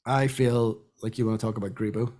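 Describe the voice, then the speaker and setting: A man's voice: fairly low pitch, steady tone, brisk, a little mellow. A young man from Britain, a podcast co-host talking casually and rambling with many fillers. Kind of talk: casual chat.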